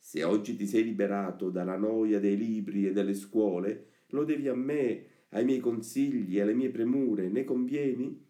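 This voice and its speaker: A man's voice: fairly low pitch, moderate pace, mellow, voice pushed up, close to an everyday voice. A man voicing a scheming boy who boasts insistently and presses his friend to agree. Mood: boastful. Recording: roomy echoey recording.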